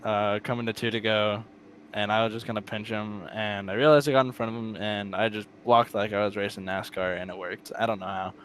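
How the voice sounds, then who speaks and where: Man, race winner, rambling, lots of fillers, excited, faint hum behind. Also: fairly low pitch, a little fast, low-quality recording. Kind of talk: casual post-race interview.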